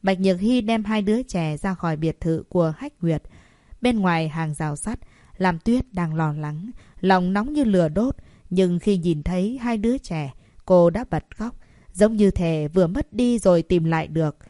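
A woman reading a romance story aloud as a narrator, shifting her pitch slightly for the characters' lines. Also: expressive, normal speed, warm tone, dry recording, clean studio sound. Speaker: audiobook narrator.

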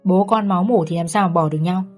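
A woman's voice: lowish voice, fast talker, a little mellow, faint music behind, natural voice. A woman voicing a grieving elderly grandmother who speaks in a weary, reproachful way. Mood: softened.

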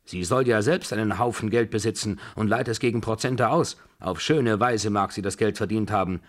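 A man voicing an imperious, quick-tempered old grandmother in a radio drama reading, scolding and giving orders. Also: fairly low pitch, voice pushed up, close to an everyday voice. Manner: scolding, commanding, abrupt.

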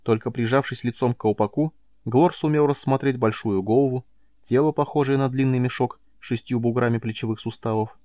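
Man narrating a book, calm, measured, warm mellow voice, dry close sound. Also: medium pitch, no room sound. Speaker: audiobook narrator. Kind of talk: scripted narration.

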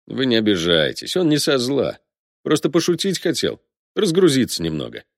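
A man's voice: mid-range voice, wildly swooping pitch, moderate pace, vocal fry, no room sound, studio quality, exaggerated voice. A man voicing a good-natured male soldier who soothes and jokes in a wry, easygoing way, in an audiobook.

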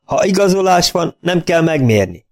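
Man voicing an angry shouting teenage boy. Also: on the high side, big pitch swings, pitched above the performer's own voice. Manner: shouting, defiant. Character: angry fifteen-year-old boy with a pony.

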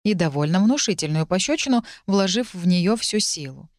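Woman, audiobook narrator, first-person fantasy, measured, dry close sound. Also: fairly low pitch, lively intonation, no room sound.

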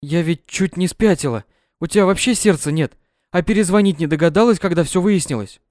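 Guy doing a young woman, upset and snippy, pitched up a bit, dry close sound. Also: a little fast, a little mellow, no echo, close to an everyday voice. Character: young woman, anxious, sharp-tongued daughter.

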